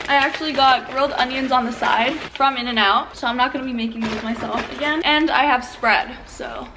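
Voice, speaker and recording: A woman's voice: high-pitched, bright, forceful tone, slight background noise, low-quality recording. A young woman filming a casual eating vlog at home, talking candidly with lots of fillers between bites. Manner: chatty, filler-heavy, candid. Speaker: YouTuber. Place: at home, indoors.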